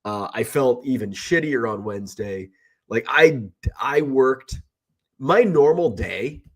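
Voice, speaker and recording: Taking it slowly at a medium pitch with lively intonation, a middle-aged baseball card seller chats through a casual vlog. He is a live streamer fighting a cold that roughens his voice slightly, and he rambles, self-corrects and stays talkative.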